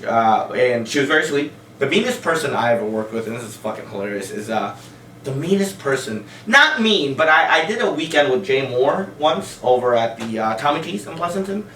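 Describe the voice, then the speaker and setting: A man's voice: medium pitch, pushed and bright, a little hiss or hum. A man, a stand-up comic, telling rambling, profane stories on a casual podcast and often breaking into laughs. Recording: roomy sound from a distance.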